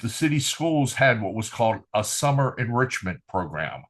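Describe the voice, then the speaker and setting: Guesting on a casual podcast, the older Finnish ex-military trumpeter spins his stories in a medium-pitched, sing-song voice with a fairly bright tone at normal speed. His telling is rambling and good-natured, thick with "uh" fillers.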